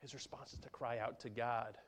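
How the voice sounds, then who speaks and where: A man preaching an earnest sermon, often dropping to a hushed voice for emphasis. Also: mid-range voice, fairly even intonation, brisk. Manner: earnest, drops to a hush for emphasis. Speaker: pastor.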